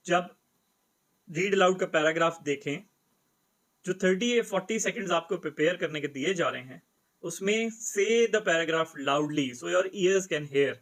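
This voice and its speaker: A young man teaches a test-prep class, talking at a slow, deliberate pace. His voice sits fairly high. He puts a question and then answers it as he explains. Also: fairly bright tone, low-quality recording. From Pakistan. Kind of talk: lecture mixing Hindi-Urdu and English.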